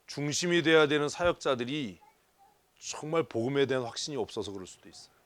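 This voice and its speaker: Male pastor, seminar talk, lively teasing delivery with lots of questions, dry sound. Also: medium pitch, a little fast, no room sound. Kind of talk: church leadership seminar talk. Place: church hall.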